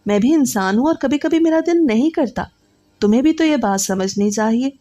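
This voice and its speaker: A woman's voice: medium pitch, fairly even intonation, darkish tone, soft background music, lightly acted. A woman voicing an irritable young married man who answers curtly and defensively within a storytelling narration. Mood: angry. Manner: curt, dismissive, raises voice.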